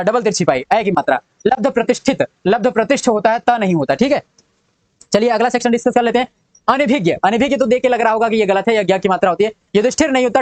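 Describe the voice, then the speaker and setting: A man's voice: sits high, dry recording. A young adult man teaching an exam-prep spelling lesson, repeating each word and quizzing what it turns into. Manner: drilling, repeats each word and asks "what does it become".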